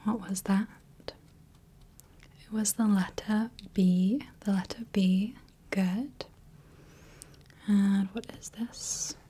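A woman voicing a gentle female clinician in a whispered role-play, softly reassuring as she runs light tests. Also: mid-range voice, fairly even intonation, breathy edge. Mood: soothing. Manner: soft, slow, reassuring, checks in often. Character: gentle female clinician testing the viewer's eyes. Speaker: ASMR creator playing a clinician running light tests.

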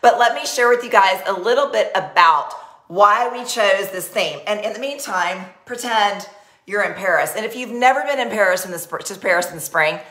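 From a small decorated home office, a Texas-accented woman runs a live-streamed sales party, recorded through the webcam on her desk. Her medium-pitched voice is fairly bright, her pace moderate, and the audio sounds roomy. She comes across as bubbly and chatty, talking with her hands.

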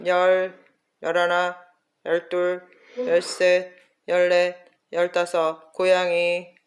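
A woman exercise coach counting reps and giving short, strict, repetitive corrections in clipped phrases. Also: fairly low pitch.

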